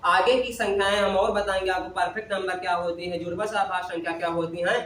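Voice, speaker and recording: A man's voice: sits high, steady tone, fast talker, fairly bright tone, slight background noise. A male maths teacher recapping a lesson, asking questions and answering them himself in a call-and-response drill. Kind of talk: classroom recap lecture. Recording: very echoey room, voice from a distance.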